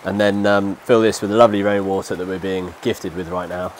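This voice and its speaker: Light rain patters in the background as a DIY vlogger in his thirties works outdoors under a shelter. He explains the task step by step in a low, monotone, brisk voice, stuffy from a cold. The casual walkthrough is recorded with a lapel mic.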